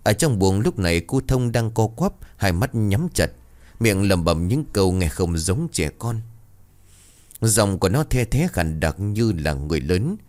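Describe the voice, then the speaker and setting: A man narrates a horror tale with dramatic, suspenseful delivery. His voice is very deep yet moves widely up and down as he builds tension. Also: lively intonation, unhurried, darkish tone. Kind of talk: ghost story narration.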